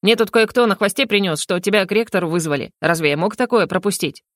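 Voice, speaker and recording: A woman's voice: medium pitch, quick pace, no room sound, studio quality, close to an everyday voice. A woman reading an audiobook voices a small, grumpy male hedgehog who snorts between phrases. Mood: chatty.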